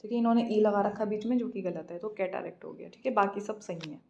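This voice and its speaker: Woman, exam coach, mid-pitched, slow deliberate question reading. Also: creaky, darkish tone, lo-fi sound, slight background noise. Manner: reads questions slowly, explains in Hindi-English mix. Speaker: English exam teacher. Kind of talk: exam practice lesson.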